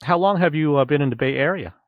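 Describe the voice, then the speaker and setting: A Canadian podcast host runs a casual interview, chatty and friendly, often restarting sentences with fillers. His voice is a little high and quick. The audio is narrow and tinny but has no echo.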